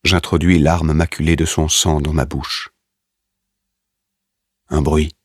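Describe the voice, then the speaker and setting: A man narrates a dramatic story in the first person, grave and measured. His voice is extremely low and husky, recorded dry and close. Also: little pitch movement, no room sound. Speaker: audiobook narrator.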